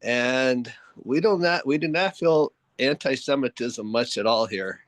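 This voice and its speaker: A man's voice: mid-range voice, a little slow, no room sound. A man from Ohio speaking in an online group discussion, rambling and hesitant, with many fillers and restarts. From Ohio, USA. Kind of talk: casual chat. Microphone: video call.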